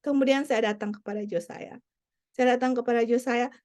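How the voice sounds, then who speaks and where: A woman's voice: a little high, steady tone, a little fast, a little mellow. A woman preaching a sermon, earnest and repetitive, mixing English phrases into her teaching. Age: adult parent. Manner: earnest, repeats key points.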